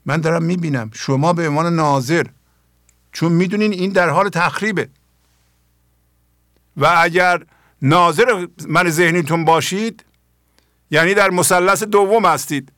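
A man's voice: a little high, long pauses, fairly bright tone, no room sound, studio quality. An older man, a spiritual teacher hosting his own program, giving an earnest talk on poetry and asking his listeners many pointed questions.

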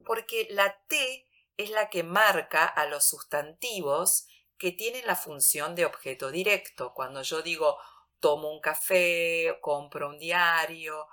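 A woman gives a radio language lesson at an unhurried pace. Her voice sits low yet sounds bright and clear. She explains patiently and recites example phrases slowly. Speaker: Hungarian language teacher.

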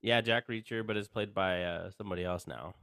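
A man's voice: deep voice, fairly quick, vocal fry, bright, forceful tone, no room sound, clean studio sound. A man co-hosting a podcast, chatting casually about TV series in an easygoing way, often restarting his sentences. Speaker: podcast co-host. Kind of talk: casual chat about films and TV.

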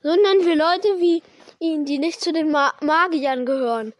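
A woman voicing a big, gruff, kind-hearted male giant while reading a story aloud. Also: sits high, normal speed, no echo, natural voice.

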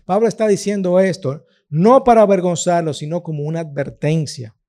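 A man's voice: high voice, a little fast, warm tone. A man, preaching a sermon in an earnest, emphatic way and often checking in with his listeners. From Dominican Republic.

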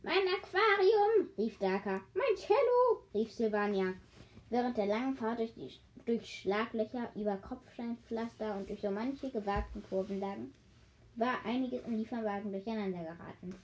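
A woman reading a children's story aloud. She often stops to joke with her listeners, stumbles over words and corrects herself, and uses a higher voice for the characters' short cries. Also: steady tone, normal speed, a little mellow, dull audio. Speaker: reader of a children's book.

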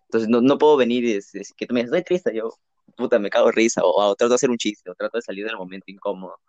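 A man's voice: fairly low pitch, very fast, darkish tone, dry recording. A young man in casual chat, talking reflectively and telling a rambling personal story with many restarts. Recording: dull, muffled sound.

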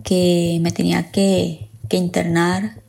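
A woman's voice: on the low side, level tone, takes it slowly, vocal fry, a little mellow. A woman in her thirties with a Costa Rican accent, telling a personal story in a candid, emotional way with wry touches. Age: 30s.

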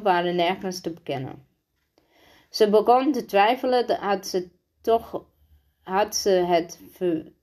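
A woman reading a children's book aloud, halting often and restarting words as she stumbles over the text. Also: lowish voice, darkish tone. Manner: halting, frequent restarts and slips. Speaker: reader.

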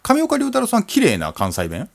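A man's voice: high-pitched, huge pitch swings, moderate pace, vocal fry, a crowd in the background. A man co-hosting a casual podcast chat, listening closely and answering with short replies. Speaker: podcast co-host.

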